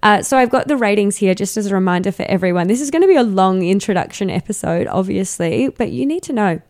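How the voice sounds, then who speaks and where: A woman's voice: medium pitch, expressive, quick pace, darkish tone. A young woman co-hosting a podcast, chatty and playful, laughing often. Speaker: podcast co-host and editor. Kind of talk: casual chat.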